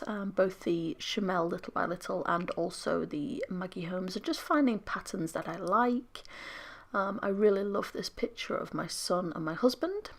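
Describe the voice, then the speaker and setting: An unwell British woman who is losing her voice narrates a scrapbooking channel's crafting video. Her mid-range, gravelly voice stays very close to the mic in a soft, half-whispered, apologetic ramble.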